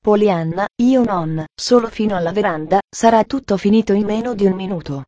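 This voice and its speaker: An eager little girl pleads in a soft, earnest voice, put on by a woman reading a storybook. The tone is mellow and warm, and the sound is close and dry with no room around it. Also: mid-range voice, fairly quick, dry recording, dull audio, lightly acted. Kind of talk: audiobook reading.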